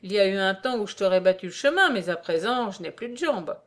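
A woman's voice: medium pitch, animated, fast talker, natural voice. A woman reading aloud, voicing a kindly, fussy old man on crutches who talks in a fatherly, exclaiming way.

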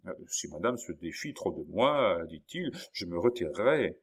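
A man's voice: low-pitched, very animated, moderate pace, slightly rough, heavily acted. A man doing a polite, self-assured young hairdresser. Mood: earnest. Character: confident young male hairdresser, Léonard.

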